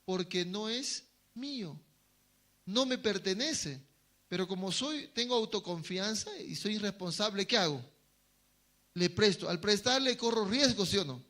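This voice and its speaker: A man's voice: sits high, animated, unhurried, bright, forceful tone. A man preaching a sermon to his congregation, asking them questions and answering them himself, sometimes acting out short quoted voices. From Bolivia. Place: church hall.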